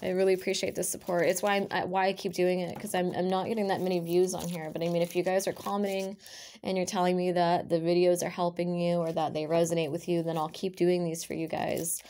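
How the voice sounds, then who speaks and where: A woman recovering from a cough reads tarot for the camera, her raspy voice low and mellow, fast, with little pitch movement and a lingering cough. She keeps the chat casual, half-whispering card names as she lays them on a purple-clothed table indoors. The camera is over her hands, so she remains off-frame.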